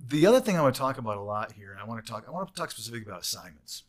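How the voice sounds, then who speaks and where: A man who works as a recruiter, co-hosting a casual chat and talking animatedly with some teasing. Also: mid-range voice. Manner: talkative, animated, quick to tease. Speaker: travel nurse recruiter, podcast co-host.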